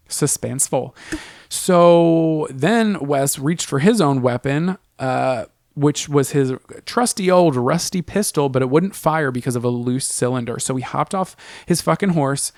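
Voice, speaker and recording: A man's voice: mid-range voice, vocal fry, no room sound, studio quality. A man co-hosting a podcast, telling a history story in a casual, comedic, profane way, rambling with lots of fillers. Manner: profane, rambling, full of 'like' and 'uh'. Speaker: podcast co-host.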